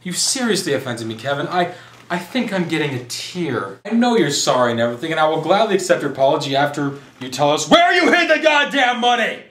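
A man's voice: fairly high pitch, expressive, quick pace, roomy sound, natural voice. A man acting a sarcastic, menacing gangster who taunts his captive in an amateur short film. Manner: mocking, taunting, theatrical.

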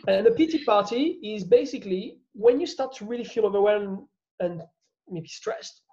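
A man with a French accent speaks earnestly in a casual interview, often repeating words as he searches for them. His voice sits high and mellow. The sound is dull and lo-fi. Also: lively intonation, normal speed. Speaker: guest.

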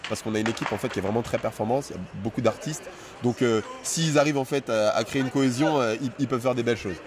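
Eager fast-talking young man outdoors. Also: mid-range voice, recorded from a distance, crowd noise. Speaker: student club president. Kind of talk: street interview. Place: outdoors on a city campus. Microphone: handheld mic.

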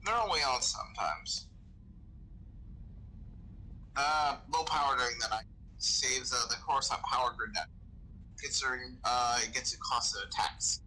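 Speaking at normal speed but pausing often, this man has a medium-pitched, bright, forceful voice. He's a Star Wars roleplay player improvising in character as a chatty, cursing sci-fi crewman who knows his weaponry. The low-quality recording comes from gaming voice chat with noise behind him.

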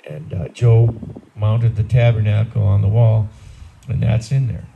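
A man's voice: fairly low pitch, steady tone, measured pace, creaky, narrow, tinny audio, a little hiss or hum. A man in his sixties, a priest with an Upper Midwest American accent, giving a conversational, plain-spoken homily on an outdoor patio, recorded by a far camera. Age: 60s. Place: outdoors on a garden patio under a canopy.

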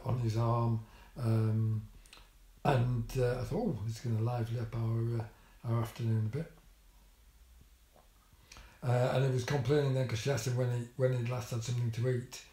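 A man's voice: mid-range voice, flat delivery, normal speed, mellow. An older man telling a story about his hospital visit in a casual vlog, with dry, wry humour and many ums and restarts. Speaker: vlogger. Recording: echoey room.

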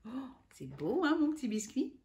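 A woman with a Québécois accent, hosting a children's story hour, reading a storybook aloud in an animated, sing-song way and talking directly to the child. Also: on the high side, moderate pace. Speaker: children's storyteller and channel host.

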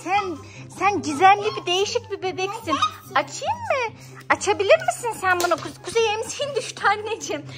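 High-voiced mother coaxing her children. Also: fast talker, over music. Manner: lively, coaxing, talks to small children. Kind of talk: casual family vlog chat.

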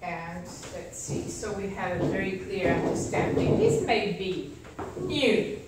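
A woman's voice: fairly low pitch, expressive, slow. A woman teaching an English grammar lesson, patiently repeating examples and checking in with her students. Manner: patient, repetitive, checks understanding with "okay?". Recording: roomy, distant from the mic, faint background noise.

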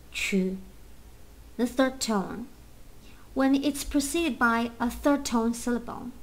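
A woman teaching a Mandarin lesson, explaining tones patiently and leading repeat-after-me drills with clear enunciation. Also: fairly high pitch.

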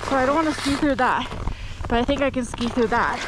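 A woman's voice: high-pitched, quick pace, very noisy. A young woman talking to herself as she skis a steep slope, nervous and unsure of the way down, recorded on a helmet camera outdoors. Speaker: ski vlogger. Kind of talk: first-person ski vlog narration. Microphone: helmet-mounted action camera.

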